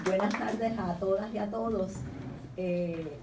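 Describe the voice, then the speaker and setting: A woman's voice: mid-range voice, takes it slowly. A woman, an education professor, opening her panel remarks in a friendly way with light laughter between phrases. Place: university library lecture room. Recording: echoey room recording from far off with clear background noise.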